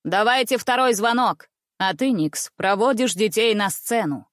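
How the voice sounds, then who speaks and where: A woman's voice: medium pitch, expressive, measured pace, a bit bright, no room sound, studio quality. Woman voicing a jovial stout circus director. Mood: businesslike. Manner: laughing, genial, commanding.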